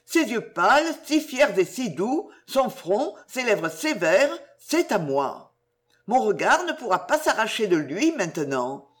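A woman's voice: mid-range voice, sing-song, measured pace. A woman voicing a passionate, torn young woman in an audiobook, with exclamations full of emotion. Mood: rapturous. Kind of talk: audiobook character reading.

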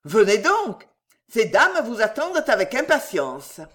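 A woman voicing a cheerful, oblivious elderly gentleman who calls out loudly. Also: fairly high pitch, huge pitch swings, unhurried, full character voice. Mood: calling. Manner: calling out loudly.

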